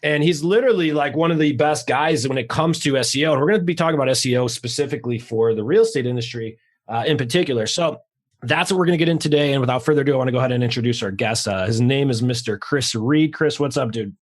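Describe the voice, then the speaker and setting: An energetic man hosting a podcast, talking fast, loose and unpolished, with the odd swear. His voice sits in a middle pitch, and he comes through a remote call. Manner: fast, raw and excitable, with casual swearing. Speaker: podcast host. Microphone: remote call recording.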